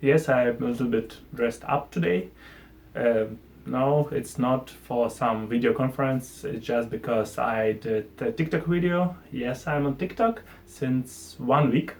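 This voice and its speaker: Speaking unhurriedly in a medium-pitched, somewhat dark voice, a young vlogger with a Ukrainian accent talks casually to the camera. He comes across as friendly and pokes fun at himself.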